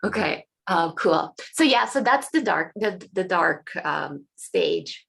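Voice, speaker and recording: Gravelly woman, voice giving out. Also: lowish voice, very animated, fairly bright tone. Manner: frank, halting, many restarts. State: losing her voice, clearing throat. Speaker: interview guest, facilitator. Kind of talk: candid personal storytelling.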